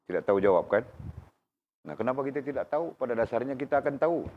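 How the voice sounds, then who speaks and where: A man teaching an informal religious class, quizzing students by name and tagging his points with quick questions, sounding unwell. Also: mid-range voice, lively intonation, slight background noise. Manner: conversational, questions students by name, frequent tag questions. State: unwell, in pain while talking. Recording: dull lo-fi recording.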